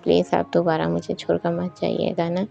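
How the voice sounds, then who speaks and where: A sulky, hurt young sister, pleading and reproachful, as a woman narrator reads her. The voice is gravelly and dark. A dull recording carries faint music behind it. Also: on the low side, monotone, fairly quick.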